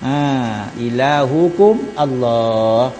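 A man's voice: slow, dark tone. Thai man giving a Quran commentary. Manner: chants Arabic verses between plain explanations; addresses listeners as brothers and sisters. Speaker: Islamic preacher. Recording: long hall reverb, faint mains hum.

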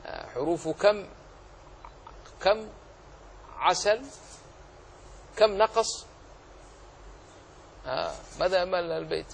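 A man with a slightly high voice and vocal fry gives a religious lesson on Quran recitation rules. His delivery is hesitant, full of drawn-out pauses and repetitions, and he spells letters out one by one over a faint hiss or hum.

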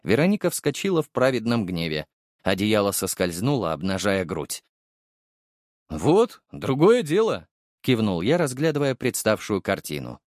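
A man reads a first-person audiobook in a lowish voice that rises and falls with lively intonation. His delivery is wry and expressive. The recording is close and dry. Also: moderate pace, dry recording. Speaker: audiobook narrator.

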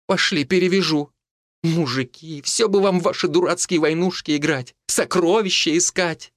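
A man voicing a spirited young village witch and wife, high, indignant and bossy. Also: normal speed, a bit bright, no room sound, studio quality, lightly acted.

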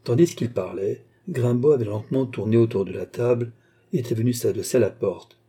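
A man narrating a short story aloud in a measured storytelling manner. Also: mid-range voice, warm tone, slightly rough. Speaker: audiobook reader. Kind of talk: scripted narration.

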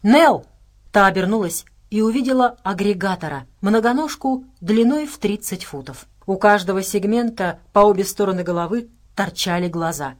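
A woman narrating an audiobook in an even, measured reading style. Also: mid-range voice. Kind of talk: scripted narration.

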